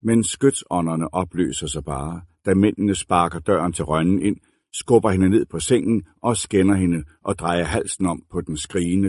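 Man narrating a novel, low husky voice, dry close sound, measured delivery. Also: a little mellow, no room sound. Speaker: audiobook narrator. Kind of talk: scripted narration.

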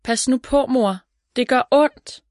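A woman voicing a stubborn, touchy young schoolgirl who talks in a high, whiny, emphatic way. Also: animated, no echo, clean studio sound, close to an everyday voice. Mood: upset.

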